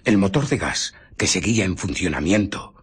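An obsessive, secretive scientist in a radio play, with an accent from Spain. His deep voice is heavily husky and breathy. He tells his tale with theatrical intensity and dramatic swings of intonation. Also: lively intonation, normal speed, heavily acted. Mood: muttering, contemptuous. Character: obsessive, irritable male scientist, brooding and secretive. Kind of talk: Spanish radio drama acting.

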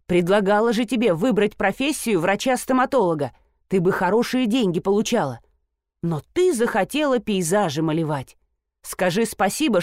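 A woman voicing a sharp-tongued wealthy mother who speaks in a caustic, dismissive way. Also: medium pitch, no echo, studio quality, close to an everyday voice.

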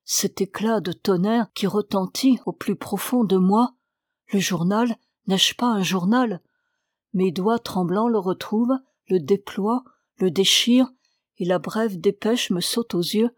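A woman's voice: medium pitch, no echo. Woman reading a novel aloud, dry sound. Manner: measured, steady literary narration. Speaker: audiobook reader.

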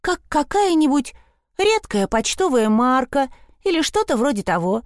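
A woman's voice: high voice, very animated, normal speed, no echo, clean studio sound, pitched above the performer's own voice. A woman narrator voicing an eager, imaginative young girl full of wild ideas.

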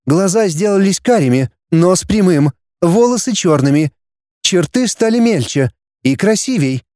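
A man voicing a calm factual companion. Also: high-pitched, unhurried, dry recording, clean studio sound, pitched above the performer's own voice. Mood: matter-of-fact.

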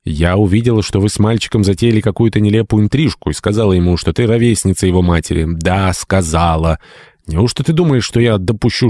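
A man's voice: low voice, a little mellow, no echo, pitched above the performer's own voice. A male audiobook reader voicing a bitter, imperious old baroness who scolds her niece. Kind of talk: audiobook character reading.

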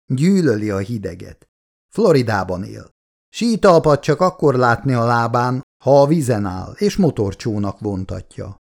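A calm young woman polar guide, read by a male audiobook narrator explains the dangers with dry patience. Matter-of-fact and unflustered, she barely lifts her voice. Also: medium pitch, creaky. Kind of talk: audiobook character voice.

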